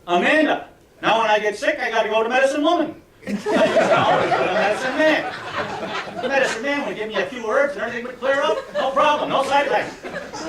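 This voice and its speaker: A man in his seventies doing a stand-up routine for fellow alumni, telling tongue-in-cheek stories with deadpan punchlines. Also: extremely high pitch, distant mic. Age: 70s. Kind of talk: stand-up comedy. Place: reunion event hall with audience. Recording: echoey room miked from afar, crowd laughter.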